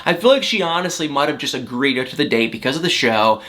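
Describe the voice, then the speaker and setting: Chatty guy doing casual opinionated recap, bright voice that bounces around a lot, repeats himself. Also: mid-range voice, animated, fast talker. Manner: chatty, repeats words for emphasis. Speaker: host of a reality TV recap.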